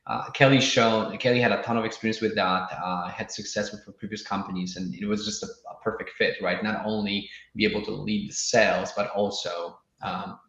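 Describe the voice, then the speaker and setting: A man's voice: lowish voice, steady tone, fairly quick, few pauses, fairly bright tone, roomy sound, highs cut off. A man from Poland with a Polish accent, a business owner chatting in an interview, rambling and asking "right?" as he goes. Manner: rambling, says "right?" often, laughs at himself. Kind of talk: casual interview.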